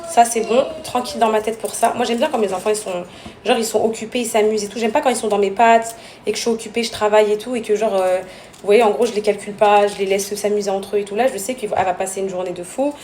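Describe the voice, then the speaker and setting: A woman's voice: mid-range voice, fairly even intonation, fast. A woman who is a mother filming a casual vlog at home. She chats to camera and coos at her children. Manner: chatty, switches between cooing at her kids and confiding in viewers. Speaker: family vlogger and mother. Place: indoors at home. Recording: echoey room with loud background noise.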